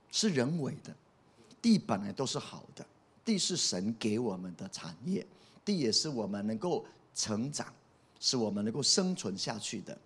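Husky guy preaching, keeps throwing questions at the crowd, pushy emphatic sermon. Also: medium pitch. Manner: emphatic, with frequent rhetorical questions. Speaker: pastor.

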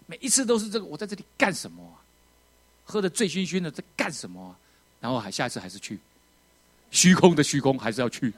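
Animated man giving testimony. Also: high voice. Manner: emotional, animated storytelling with sudden loud outbursts and quiet drops. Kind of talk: sermon testimony.

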